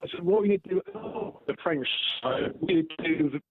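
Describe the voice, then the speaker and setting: A man's voice: fairly high pitch, normal speed. A man calling in to a radio talk show, blunt and heated, his phone line breaking up and cutting out. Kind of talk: casual phone-in chat.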